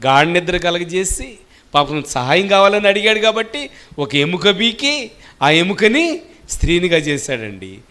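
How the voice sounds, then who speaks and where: A man's voice: high-pitched, very animated, unhurried, sharp tone. A man preaching a sermon as pastor, constantly asking questions of the congregation and answering them himself. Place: church service.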